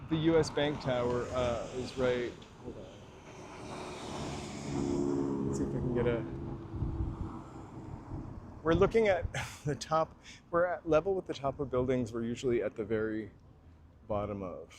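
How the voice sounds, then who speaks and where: Out walking through the city on a live vlog, the man chats to viewers in a mid-range voice with lively intonation, a little slow and with frequent pauses. He rambles in asides and is slightly out of breath, and faint street noise can be heard behind him.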